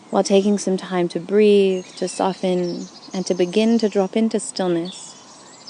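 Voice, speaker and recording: A woman with a medium-pitched voice guides a yoga nidra meditation, soothing and unhurried, with gentle, deliberate phrasing. She's recorded outdoors in a forest at dusk, with faint birdsong, forest ambience and a little hiss or hum.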